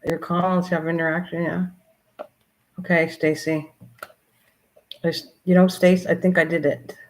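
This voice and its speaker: On a low-quality recording, an older woman speaks in an unhurried, lowish voice with little pitch movement. As host of a casual craft livestream, she rambles chattily to herself and her viewers while working.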